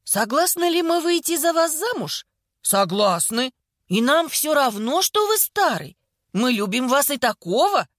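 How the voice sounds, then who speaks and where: A woman voicing a sharp-tongued older woman in a hospital bed, hoarse and sarcastic, teasing without mercy. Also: high voice, sing-song, unhurried, no echo, studio quality. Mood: sugary, sly.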